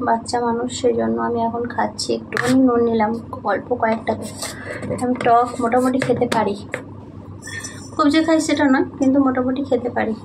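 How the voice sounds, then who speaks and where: A young woman from Medinipur chatting softly in a casual home vlog, sleepy and sweaty in the heat. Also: fairly high pitch, fairly even intonation, a little fast, creaky, noisy background. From Medinipur, West Bengal, India. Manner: soft, hushed talk so a sleeping child stays asleep. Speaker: vlogger, housewife and mother. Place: small home indoors. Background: background music.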